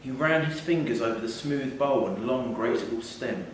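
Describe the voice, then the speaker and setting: At a moderate pace, a man's mid-range voice reads a literary short story aloud for a live event in an indoor theatre. Faint noise and strong echo fill the recording because the mic is distant.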